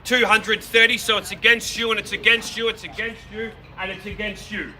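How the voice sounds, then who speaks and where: A man's voice: high-pitched, fairly even intonation, fairly quick, sharp tone. A man working as a property auctioneer, calling bids outdoors to a crowd in a projected, emphatic and repetitive way. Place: outdoors in a residential street. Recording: distant mic, noisy street with vehicles.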